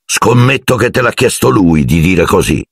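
A man doing a booming, jeering ghost huntsman. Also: very animated, normal speed, creaky, husky, no echo, studio quality, heavily acted. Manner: loud, mocking, jovial.

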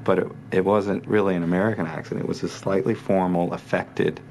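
A man's voice: sits low, steady tone, fairly quick, darkish tone, slight background noise. A man explaining old studio-era ways in a conversational documentary interview.

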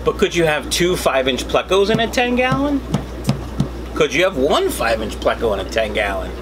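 A man's voice: fairly high pitch, normal speed. A middle-aged man hosting a debunking vlog in a casual, opinionated way, explaining informally to the camera. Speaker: host of a fishkeeping channel. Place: small indoor fish room full of tanks. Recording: steady background hum and noise.

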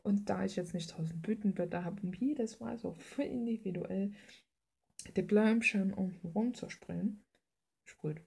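Hosting a drawing video from her indoor desk, this artist chats informally while she draws, wandering through slangy, half-spoken thoughts. She talks at a measured pace in a medium-pitched, creaky, husky voice that's a little mellow.

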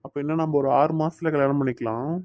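A man's voice: a little high, steady tone, quick pace, darkish tone, no echo, close to an everyday voice. A man voicing a teasing but doting young man in a cartoon, speaking with a Tirunelveli Tamil accent. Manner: teasing, coaxing, playfully scolding. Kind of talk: cartoon voice acting.

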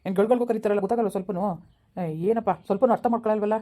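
An actor playing an irritable young newlywed husband who complains fast and heatedly in a village family drama. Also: male voice, high voice, warm tone, natural voice. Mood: grumbling. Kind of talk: everyday village drama acting.

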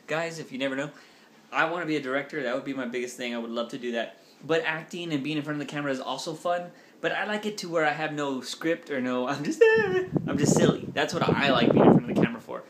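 A man's voice: on the high side, fast talker, slight background noise. A young man from the United States chatting casually in a vlog, rambling, joking and cutting himself off mid-sentence. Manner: rambling, jokey, self-interrupting. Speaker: vlogger.

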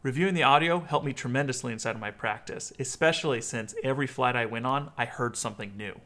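Talking fast in a mid-range, somewhat bright voice, this American video host in his thirties walks viewers through a clear instructional explainer.

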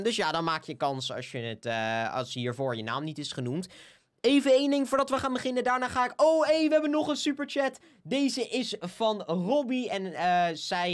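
A young man with a Dutch accent hosts a live game stream. His voice sits high and sounds smooth and clean. He talks casually, stumbles over names and cheers on donors. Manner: chatty, stumbles over names, upbeat shout-outs. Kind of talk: live stream chat with viewers.

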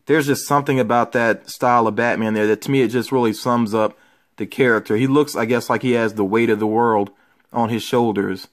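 Casual male vlogger with medium pitch. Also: fairly even intonation, fairly quick. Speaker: toy collecting vlogger. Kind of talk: casual show-and-tell chat. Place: indoor room with shelves of figures.

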